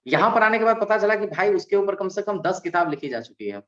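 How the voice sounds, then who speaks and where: A man, an alumni guest on a panel, talking in an animated way and explaining with examples and rhetorical questions. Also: high voice, brisk. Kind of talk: conversational panel talk. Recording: dull lo-fi recording.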